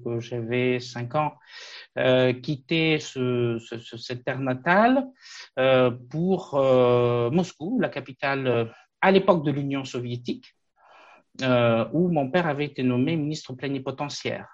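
A man in his late thirties from Afghanistan, a guest in a conversational interview, talking haltingly with many fillers and restarts. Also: mid-range voice, highs cut off. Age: late 30s.

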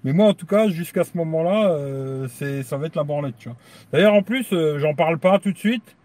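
A man's voice: a little high, expressive, normal speed, a little mellow, no echo. Crude rambling man on a live stream. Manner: crude, rambling, says "tu vois" constantly. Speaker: YouTube tech channel host. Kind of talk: casual live-stream chat.

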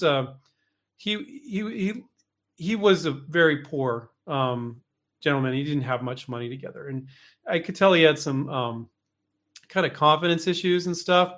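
A man's voice: fairly high pitch, fairly bright tone. A man coaching inventors in a casual, frank talk, speaking bluntly with mild swearing and many restarts and asides.

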